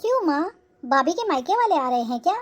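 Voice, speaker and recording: A woman's voice: high-pitched, very animated, quick pace. A woman voicing a curious young married daughter in a cartoon, chatting casually on the phone.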